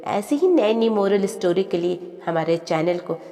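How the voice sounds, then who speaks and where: A woman narrating a family moral tale in a steady, plain storytelling manner, then asking listeners to comment and subscribe. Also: medium pitch, measured pace. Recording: long reverb with background music.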